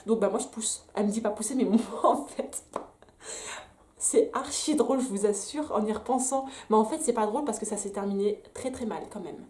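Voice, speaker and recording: A woman's voice: mid-range voice, fast talker, few pauses, warm tone, slight background noise. A young woman vlogger candidly telling a personal story straight to the camera, emphatic and full of restarts. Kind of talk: story time vlog. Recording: echoey room.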